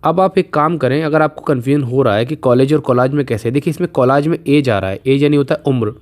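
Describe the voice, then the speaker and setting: A man teaching English spelling in a casual video lesson, patiently repeating each question and answer and slowing down to spell words out letter by letter. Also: medium pitch, darkish tone. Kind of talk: casual Hindi video lesson with memory tricks.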